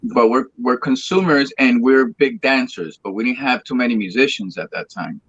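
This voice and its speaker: This Spanish-speaking guest singer from Colombia, in his thirties, chats casually in an interview, rambling and frequently restarting or repeating words. He speaks at normal speed with a medium pitch and a fairly bright, slightly rough tone, and the audio's highs are cut off.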